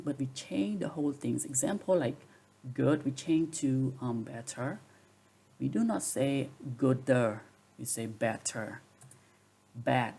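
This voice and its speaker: A man's voice: mid-range voice, gravelly, warm tone, husky. A man teaching a grammar lesson, patiently repeating rules and examples. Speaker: English teacher.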